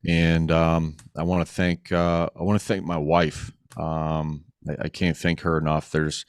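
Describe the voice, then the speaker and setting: A middle-aged man talking earnestly and haltingly as a guest in a casual podcast interview. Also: a bass voice, level tone, clear, resonant tone, no echo. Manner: earnest and halting, many pauses. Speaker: guest, racing club organizer.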